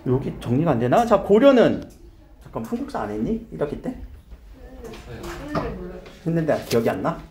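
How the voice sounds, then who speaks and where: Male classroom teacher, lively pitch, coaxing questions at students, repeats key terms. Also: normal speed, long pauses. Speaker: high school Korean teacher. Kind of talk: classroom grammar lesson.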